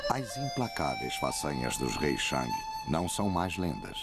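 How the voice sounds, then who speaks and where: A man's voice: extremely low pitch, sing-song, moderate pace. A man with a Brazilian accent reads scripted documentary narration in a grave, dramatic, epic storytelling manner. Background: prominent music.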